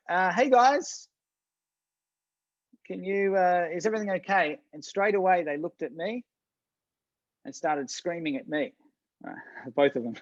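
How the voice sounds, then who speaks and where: A man's voice: on the high side, no echo, dull audio. A man coaching a business workshop in a casual, chatty way, often restarting sentences and checking in with his listeners. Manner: casual, chatty, repeats words, restarts sentences, addresses audience directly. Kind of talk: online workshop presentation.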